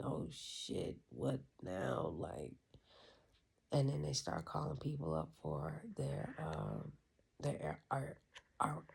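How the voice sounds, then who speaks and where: A deeply gravelly, raspy voice recounts a personal experience in a hushed, half-whispered way. The delivery is slow and unhurried, swinging widely in pitch, and it stays candid and profane throughout. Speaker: vlogger. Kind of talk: candid personal retreat recap.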